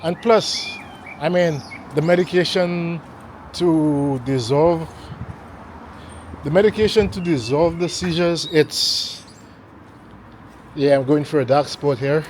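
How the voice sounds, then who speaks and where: A man vlogging while he walks through a neighborhood at night, talking in a slow, halting way and repeating words as he goes. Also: a little high, darkish tone, a little hiss or hum. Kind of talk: casual walking vlog talk. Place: outdoors on a neighborhood street at night. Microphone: handheld camera mic while walking.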